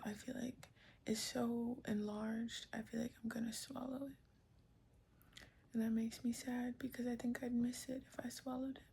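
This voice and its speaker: A woman speaks with a thick swollen-tonsils voice, soft and dark, often slipping toward a whisper. Her pitch sits fairly high but moves little, and she sounds sore and careful as she talks casually to the camera. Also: little pitch movement, normal speed. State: sore swollen throat after tonsil surgery, effortful and tired. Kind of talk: personal recovery video diary, casual talk to camera. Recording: clear background noise.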